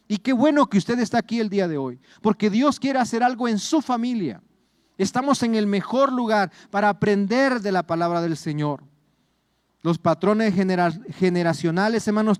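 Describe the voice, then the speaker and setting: Salvadoran pastor preaching, high voice. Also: male voice, a little mellow, no echo, clean studio sound. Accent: Salvadoran Spanish. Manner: earnest, repeats words and addresses listeners as brothers. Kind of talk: sermon.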